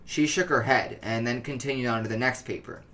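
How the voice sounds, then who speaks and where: A storyteller narrates a scripted dark tale. The voice sits at a middling pitch. The delivery is measured and deliberate throughout.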